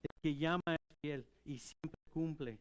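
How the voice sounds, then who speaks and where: A man's voice: on the high side, slow. A man preaching a sermon as pastor, talking in a conversational way and putting questions to the congregation. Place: church.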